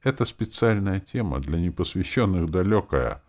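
A man's voice: low voice, lively intonation, normal speed, a little mellow, voice pushed up. A man voicing an offended young female elf author who is plaintive and indignant.

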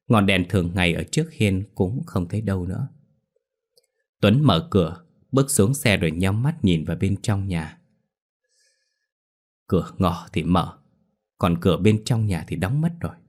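A man narrating a ghost story in a steady, even storytelling voice. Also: low voice, normal speed, long pauses.

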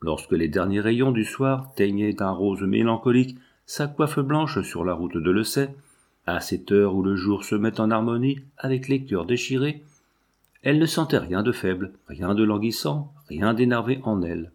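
A man reading a classic novel aloud as scripted narration, measured and solemn. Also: on the low side, lively intonation, darkish tone. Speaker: audiobook reader.

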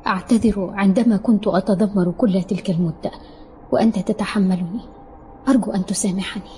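A man's voice: high voice, fairly quick, dark tone, slight background noise, voice pushed up, close to an everyday voice. A man putting on a stubborn young girlfriend. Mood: apologetic. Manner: childishly stubborn. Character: young woman, teasing and insistent girlfriend.

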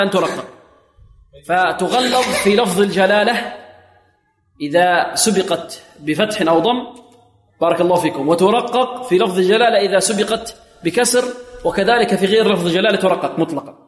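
High-voiced man teaching in an echoey hall. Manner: asks students questions and answers them himself, often repeating "may God bless you"; slows down to model words in recitation. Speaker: Quran recitation teacher. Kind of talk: recorded lesson explaining Quran reading rules.

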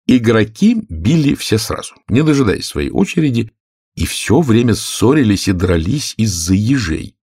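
A man's voice: on the low side, normal speed, slightly rough, no room sound, studio quality. A man reading a fairy tale as an audiobook narrator, telling it expressively. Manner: expressive, lively storytelling. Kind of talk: scripted storybook narration.

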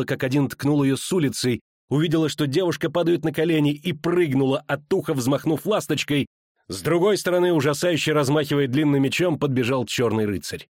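A man narrating a fantasy audiobook in a steady, even storytelling voice on a close studio mic. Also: mid-range voice, no echo.

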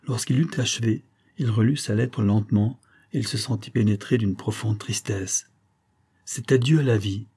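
Husky, dark-voiced male reader. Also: on the low side. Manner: measured, dramatic reading. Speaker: audiobook reader. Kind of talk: scripted narration of a classic novella.

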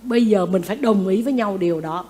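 A woman's voice: mid-range voice, fast talker. A woman, a Buddhist nun, giving a sermon who keeps asking the audience questions and repeating phrases for emphasis. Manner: lively, asks the audience questions and answers them.

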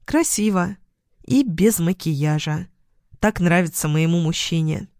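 A woman reading a first-person novel aloud at an unhurried pace, gently expressive. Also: on the low side, dry recording, studio quality. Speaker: audiobook narrator.

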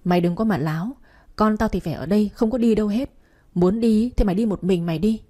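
A woman's voice: medium pitch, fast talker, close to an everyday voice. Woman doing a harsh scolding mother-in-law. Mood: shouting. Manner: sharp, scolding, dismissive.

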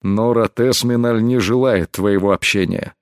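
Narrator doing a low, hushed, protective male space captain, commanding. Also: measured pace, dry recording, clean studio sound. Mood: stern. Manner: low and hushed, growling when angry. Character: stern, protective male starship captain, possessive lover.

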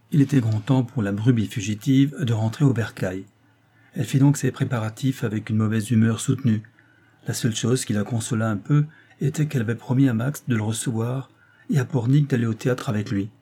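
A man reading a literary novel aloud as an audiobook narrator, in a measured, even storytelling manner. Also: medium pitch, husky. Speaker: audiobook reader.

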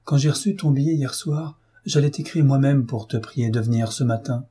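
A man reading the lines of a gentle, troubled young woman in a storybook, voicing her softly and a little higher. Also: normal speed, slightly rough, natural voice. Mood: troubled, earnest.

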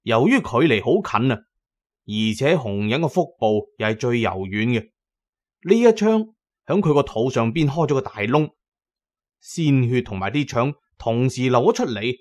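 Speaking at a measured pace with lively intonation, a mid-pitched male narrator with a Cantonese accent reads an audiobook adventure. He delivers it dramatically, like a storyteller, with colloquial turns of phrase.

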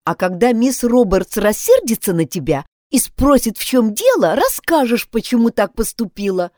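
A woman's voice: a little high, very animated, moderate pace, a little mellow, no room sound, studio quality, pitched above the performer's own voice. A woman reading aloud, voicing an honest, earnest schoolgirl who urges her twin to do the right thing, in a storybook reading. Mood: urging. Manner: reproachful, urging.

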